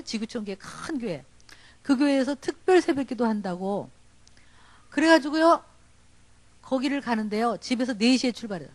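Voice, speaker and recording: A middle-aged woman pastor giving a storytelling sermon at a church service, animated and acting out the dialogue in her stories. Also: on the high side, no room sound.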